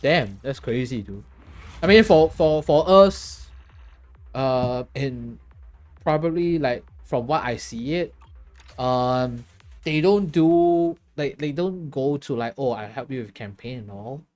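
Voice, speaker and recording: A man's voice: mid-range voice, expressive, takes it slowly, a little mellow, dry recording, faint music behind. Tired, chatty male game streamer. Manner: chatty, laughs often, reads chat aloud. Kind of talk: casual chat while gaming.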